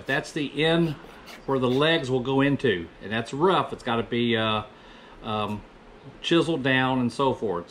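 Speaking at medium pitch with a slightly bright tone, a man in his fifties rambles casually through a voice-over about his own woodworking project. He corrects himself often, recording in a small indoor workshop with slight background noise.

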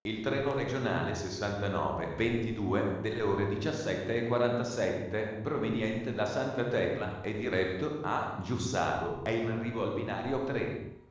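A man making formal station loudspeaker announcements in measured, clipped official phrasing. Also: fairly low pitch, a little hiss or hum. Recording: very echoey, distant, muffled, faint ambience.

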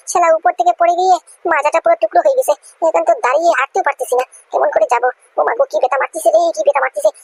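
High-pitched, rattling quickly through complaints, this is a woman playing a stubborn, sulking cartoon wife with a big appetite. Her voice is recorded close and dry, with no room around it. She chatters on and on, whining and grumbling. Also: dry recording, poor audio. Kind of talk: cartoon comedy voice acting.

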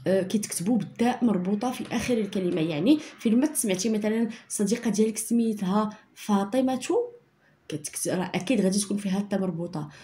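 A woman with a Moroccan Arabic accent teaching a primary school spelling lesson, repeating points patiently and dictating sentences slowly. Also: medium pitch, warm tone, a little hiss or hum. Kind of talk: online lesson explaining handwriting and spelling.

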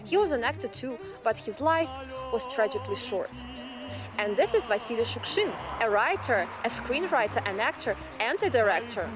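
A woman in her thirties from Russia giving an articulate, measured vlog tour as a guide. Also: on the high side, expressive, music in the background. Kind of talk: scripted vlog narration.

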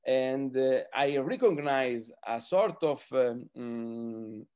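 Speaking slowly in a smooth, mid-range voice with a darkish tone, a thirtysomething Italian film director joins a video-call panel from a small book-lined room in his home, using his computer. A native Italian speaker with an Italian accent, he talks hesitantly in a second language during the roundtable, hunting for the right words.

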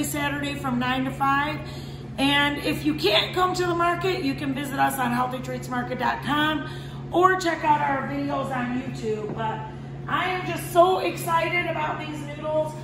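A woman in her forties, a shop owner, chatting enthusiastically about products at her market stall, filmed on a phone. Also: high voice. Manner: chatty, enthusiastic, keeps saying okay guys. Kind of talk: product demo vlog. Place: indoor market stall with shelves. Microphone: handheld phone camera. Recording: echoey market hall with background noise.

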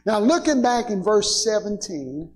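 High-voiced slow preacher man. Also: very animated, low-quality recording. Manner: preaching with rising emphasis, calling "Amen?" to the congregation. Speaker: pastor. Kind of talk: sermon. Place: church sanctuary.

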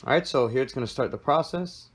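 A husky, medium-pitched man talks quickly as he hosts a casual tech tutorial, relaxed and walking through each step with plenty of fillers. It was recorded on a handheld phone camera in an indoor room with a desk and computer.

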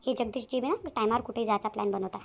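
A woman's voice: fairly high pitch, very fast, gravelly, noisy background. A woman voicing an anxious, fussy young wife, talking urgently. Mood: worried. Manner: fretful, urgent.

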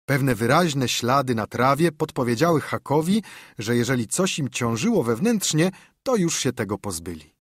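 Man narrating an audiobook, husky, lively delivery, dry close sound. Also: medium pitch, dry recording. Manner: measured, storytelling. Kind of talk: scripted narration.

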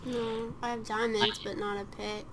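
A woman's voice: a little high, level tone, moderate pace, a crowd in the background. A young woman chatting and giggling while playing a multiplayer game with friends over a very noisy voice-chat recording. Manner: giggly, puzzled. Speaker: gamer.

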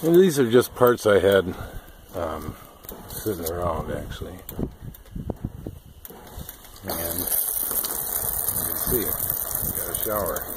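A man's voice: low-pitched, noisy background. A man casually walking through a DIY project outdoors at a rural homestead, talking behind a handheld camera with lots of ums. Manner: unhurried, many ums, explains while filming. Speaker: off-grid DIY vlogger. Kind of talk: casual how-to walkthrough.

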